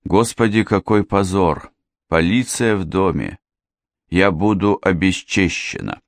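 A male narrator voicing a theatrical, self-pitying widow who talks in a slow, wailing way. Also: sits low, dry recording.

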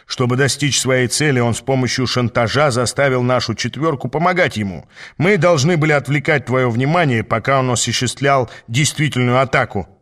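A man voicing a cocky, scheming male demon who talks smoothly and haughtily in an audiobook. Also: medium pitch, a little fast, a bit bright, lightly acted. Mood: persuasive. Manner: glib, persuasive, haughty. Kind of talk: audiobook character reading.

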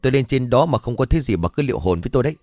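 A man voicing a big, short-tempered tattooed man who scolds gruffly and fast. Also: mid-range voice, animated, a little mellow, dry recording, voice pushed up, lightly acted. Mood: scolding.

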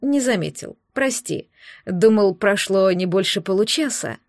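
A woman voicing a smug, cruel male sorcerer in an audiobook, speaking in a honeyed, sneering, deliberate way. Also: mid-range voice, animated, no room sound, studio quality, voice pushed down. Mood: menacing. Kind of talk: audiobook character voice.

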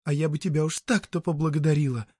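A man voicing a young peasant woman who coaxes and pleads in a hushed, urgent way. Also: fairly high pitch, fairly even intonation, fast talker, husky, dry recording, studio quality, voice pushed up. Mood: pleading, urging. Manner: pleading, coaxing whisper.

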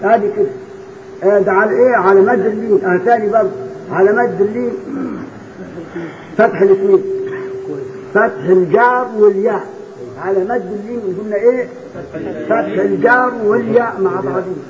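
A man with an Egyptian Arabic accent, teaching Quran recitation rules to students, drilling them with questions and chanting verses slowly between quick explanations. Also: high-pitched, echoey room. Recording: tinny phone-like recording with noise.

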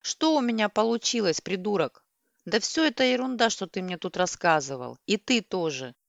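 A woman's voice: mid-range voice, sing-song, moderate pace, gravelly, no room sound, clean studio sound. A woman voicing a distraught young woman who is crying and pleading. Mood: frantic shouting.

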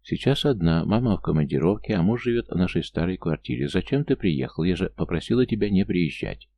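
A man's voice: low voice, lively intonation, fairly quick, creaky, dark tone, heavily acted. A man reading an emotional woman in her thirties. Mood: tense. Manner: pleading, exasperated.

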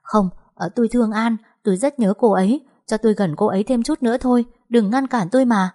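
Lady putting on a desperate young guy, fast and pleading. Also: a little high, mellow, voice pushed up, natural voice. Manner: desperate and clinging. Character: obsessive young man, pleading.

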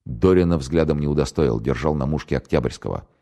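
A man narrating an audiobook with measured, dramatic storytelling. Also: extremely low pitch, dark tone.

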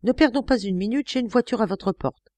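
A woman's voice: on the high side, fairly quick, a little mellow, no echo, voice pushed up, natural voice. A woman reading an audiobook, voicing a young male police detective who asks pressing, urgent questions.

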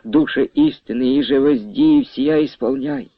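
A man's voice: medium pitch, moderate pace, breathy edge, dry recording, muffled recording. A man voicing a pious, fussy old village priest who drawls out his words. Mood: prayerful.

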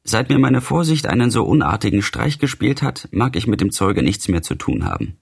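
A man's voice: lowish voice, sing-song, moderate pace, gravelly, slightly rough, exaggerated voice. A man voicing Albert, a level-headed, matter-of-fact young man, in a literary audiobook reading. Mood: chatty.

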